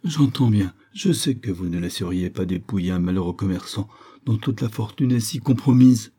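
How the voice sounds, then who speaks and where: A man's voice: fairly low pitch, animated, normal speed, mellow, slightly rough. A man reading an audiobook, voicing a greedy merchant with a trembling, wheedling, pleading voice. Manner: wheedling, lamenting, sugary. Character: greedy wheedling male merchant, whining, fawning. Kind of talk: audiobook character voice.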